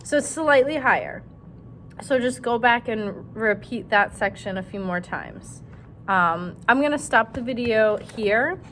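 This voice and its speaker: A woman's voice: fairly high pitch, a little slow, fairly bright tone, slight background noise. A woman teaching a song to her students, chatting casually and correcting herself as she goes. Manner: chatty, self-correcting, demonstrates by singing syllables. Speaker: music teacher. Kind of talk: casual singing lesson for students.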